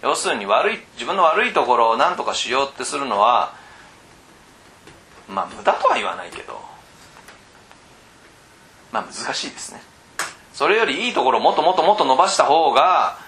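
A man trains cram school teachers in a loose, teasing lecture, prodding them bluntly. His pitch swings widely and his tone is bright. He keeps breaking off to check that his listeners follow. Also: big pitch swings, fairly quick, creaky, pauses often. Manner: keeps checking in with rhetorical asides.

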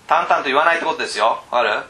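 A man training teachers in a casual lecture, chatting with the room, asking questions and swinging between loud and hushed. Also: medium pitch, expressive, very fast. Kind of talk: lecture to tutors. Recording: roomy echo.

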